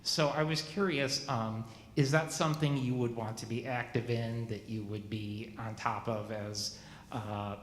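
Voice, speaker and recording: A man in his forties asking a new minister questions at a church meeting, halting and often restarting his sentences. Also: mid-range voice, steady tone, reverberant, long reverb tail, slight background noise. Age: 40s.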